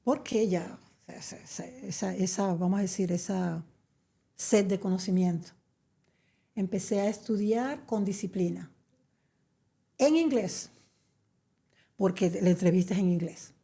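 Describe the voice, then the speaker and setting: A woman from Venezuela, telling her story in an interview; she hesitates with many fillers and restarts, then turns lively and emphatic. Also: mid-range voice, a little slow, creaky, pauses often. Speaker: interview guest. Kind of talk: conversational storytelling.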